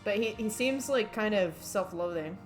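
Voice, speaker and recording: A woman's voice: mid-range voice, animated, normal speed, faint music behind. A woman streaming a game with casual commentary, hesitantly thinking aloud as she goes.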